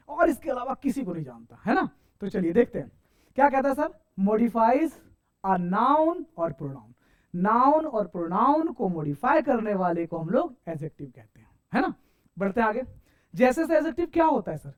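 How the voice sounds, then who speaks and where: A man teaching an English grammar lesson, asking his students questions and answering them himself, calling them sir. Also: extremely high pitch. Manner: keeps addressing listeners as sir and saahab; stretches out English example sentences slowly.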